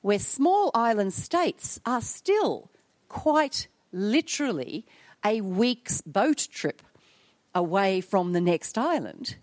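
At a conference, an older Australian woman gives a wry, emphatic public address peppered with self-mocking jokes. Her medium-pitched voice swings widely in pitch and moves slowly, with no room sound.

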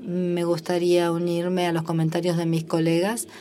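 A woman interprets simultaneously at a formal meeting, relaying each speaker in the first person. She pauses often with filler sounds, and her fairly low voice is mellow and monotone.

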